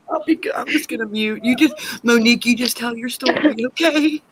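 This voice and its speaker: A woman's voice: a little high, slightly rough. A woman in a casual group chat, protesting with squeals and giggles. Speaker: panel participant.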